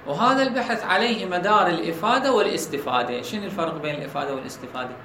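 A man with an Iraqi Arabic accent teaching a logic lesson, often asking his students whether the point is clear. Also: high voice, lively intonation, rapid-fire, pushed and bright, a little hiss or hum. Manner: asks students checking questions. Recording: echoey room with faint ambience.

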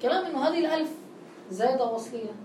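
A woman teaching a grammar lesson. She keeps checking understanding with quick questions and affirmations. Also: high voice, expressive, warm tone, roomy sound, a little hiss or hum.

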